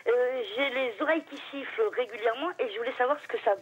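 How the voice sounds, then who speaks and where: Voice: high voice, muffled recording. A performer voicing a muddled, hesitant middle-aged woman calling a TV show, heard over a landline phone. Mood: dithering. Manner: hesitant, muddled, slow to answer. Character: fussy female TV-show callers, middle-aged, dithering. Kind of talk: comedy sketch, fake phone-in.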